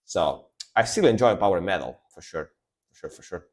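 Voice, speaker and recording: A man's voice: sits low, lively intonation, moderate pace. A man from Italy, streaming and giving enthusiastic, rambling commentary while reacting to metal music.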